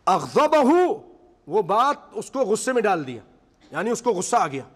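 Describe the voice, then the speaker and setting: A man's voice: high-pitched, sing-song, a bit bright, husky. A man preaching a sermon to a seated congregation, reciting Arabic passages and then explaining them in vivid storytelling. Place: mosque hall with seated congregation. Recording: long echoey hall reverb.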